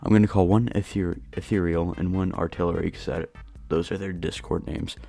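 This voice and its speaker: A young man tells a casual storytime quietly, holding his voice down so as not to wake anyone. His voice is deep and gravelly, with a mellow, dark tone. Faint music plays behind him. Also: steady tone, a little fast. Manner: hushed, keeping voice down at night. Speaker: YouTuber telling a story. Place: dark bedroom at home. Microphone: new home mic.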